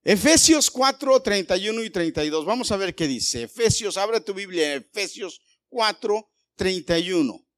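A male pastor preaching a sermon, animated and full of rhetorical questions aimed at the congregation. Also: high voice, moderate pace, hardly any pauses, no room sound.

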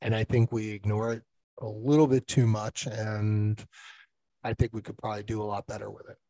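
A man co-hosting a podcast, speaking in an earnest, measured way. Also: fairly low pitch, flat delivery, warm tone, no echo. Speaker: podcast co-host. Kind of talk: casual chat.

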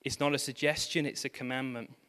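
A man pastor preaching a sermon, animated, with self-deprecating humor and exclamations of praise. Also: medium pitch, fairly quick, in a large hall.

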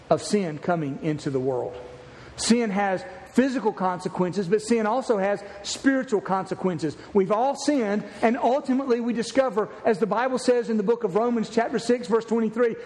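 A man's voice: high-pitched, a little mellow. A man preaching an earnest sermon as pastor in a church, often restarting his words. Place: church sanctuary. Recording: long reverb of a church hall.

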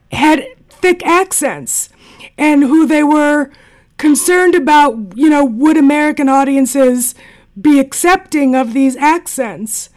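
A woman with a high voice hosting a podcast interview. She asks long, inquisitive questions and thinks aloud as she goes. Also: darkish tone. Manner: inquisitive, discursive. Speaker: podcast host.

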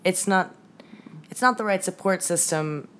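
Frank, teasing woman with lowish voice. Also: measured pace, a bit bright. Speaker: guest. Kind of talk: casual chat.

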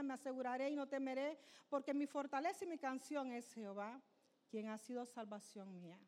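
High-voiced woman in her fifties testifying. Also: darkish tone. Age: 50s. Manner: emotional, earnest, addresses listeners as brothers. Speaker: pastor's wife giving testimony. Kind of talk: church testimony.

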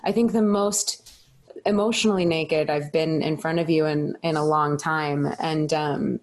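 Soft, low-voiced young woman. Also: fairly even intonation, a little slow. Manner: soft-spoken, emotional storytelling. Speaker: guest. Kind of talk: casual podcast chat.

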